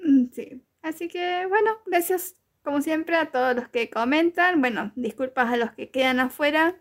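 A woman's voice: high voice, moderate pace. An Argentine woman co-hosting a podcast in casual chat, giggly and rambling, teasing her co-host. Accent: Argentine Spanish.

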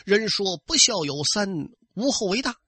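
A man telling a tale in traditional oral storytelling style, lively and conversational, talking straight to his listeners. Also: high voice, measured pace, husky, no room sound.

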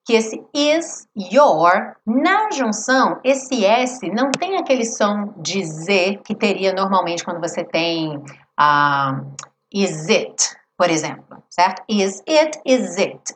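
A woman's voice: medium pitch, animated, a bit bright, slight background noise. Brazilian teacher woman explaining pronunciation. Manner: explanatory, demonstrates English pronunciation slowly. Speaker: English teacher. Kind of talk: live online English lesson.

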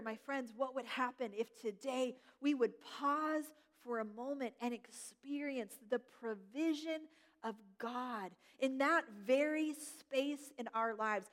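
A middle-aged woman pastor preaching a sermon, gentle and reflective, slowing down to stress key words. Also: high-pitched. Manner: gentle, reflective, slows for emphasis. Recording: long hall reverb.

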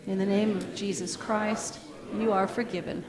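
A woman pastor leading a communion liturgy in a solemn, measured way, her voice ringing with a cathedral echo in a church sanctuary. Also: medium pitch, flat delivery, crowd noise. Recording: long church reverb.

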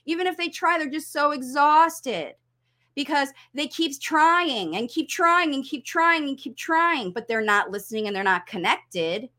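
High, bright-voiced woman coaching parents. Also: measured pace. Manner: animated, acts out confused learners in quoted voices. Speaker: language coaching instructor for parents. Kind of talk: casual teaching talk over slides.

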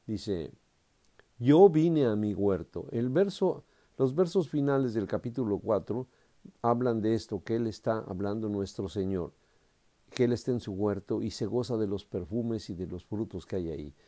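A man's voice: lowish voice, moderate pace, warm tone. A man preaching and reading scripture aloud, reflective, often tagging his sentences with a questioning "right?". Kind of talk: Bible reading and sermon.

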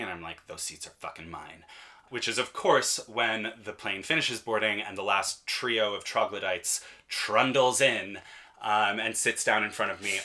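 A man's voice: on the low side, bright, forceful tone. A man telling a comic grievance story to friends on a podcast with dry, sardonic, mock-courtroom timing.

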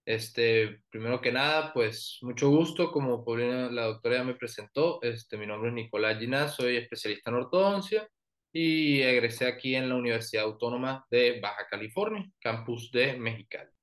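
Orthodontist guest, man, Colombian coastal accent, easygoing, halting delivery, mid pitch. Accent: Colombian Caribbean coast. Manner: relaxed, frequent fillers and restarts. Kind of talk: professional interview and presentation.

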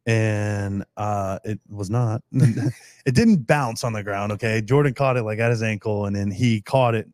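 A man's voice: fairly low pitch, moderate pace, a little mellow, smooth, no room sound, studio quality. A young adult man, a football player guest on a podcast, chatting casually and telling a loose, candid story with some swearing. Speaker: guest, NFL long snapper.

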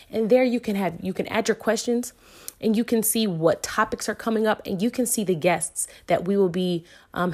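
With a medium-pitched voice, a podcast host in her thirties gives listeners an inspirational faith talk, earnest and emphatic, repeating herself like a preacher.

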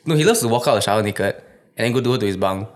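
A man's voice: fairly low pitch, very fast. A man in his twenties with a Singaporean accent, chatting casually with friends in sweary, colloquial Singlish. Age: 20s. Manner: animated storyteller, often breaking into laughter. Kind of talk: casual chat among friends.

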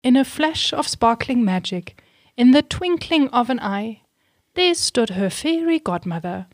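A woman reading a rhyming children's storybook aloud, slowly and clearly, then asking the listener questions. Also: on the high side, lively intonation, dry recording, studio quality.

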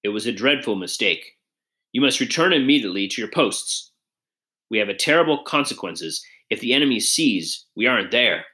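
A man voicing a stern commanding general who speaks gravely. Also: fairly low pitch, lively intonation, normal speed, pushed and bright.

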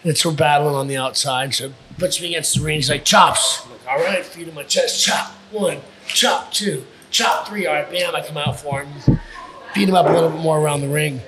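A man's voice: fairly high pitch, a little fast, crowd noise. A man who is a guest on a podcast, telling profane stories casually and acting out the lines of the people in them. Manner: profane, animated storyteller who acts out quotes. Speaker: podcast guest, fighter and wrestler. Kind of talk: casual storytelling chat.

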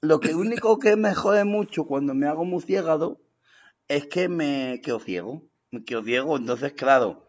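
A man playing a boastful, rambling old male vampire in an improvised comedy sketch, giggling and slipping into squeaky shouts. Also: normal speed, dull audio, close to an everyday voice. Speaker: comic guest in character.

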